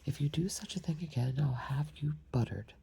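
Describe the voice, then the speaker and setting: A woman's voice: deep voice, normal speed, vocal fry, warm tone, slight background noise. A woman voicing a fussy, faint-hearted old king in a whispered ASMR storybook reading. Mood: fretful. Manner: whispered, fretful.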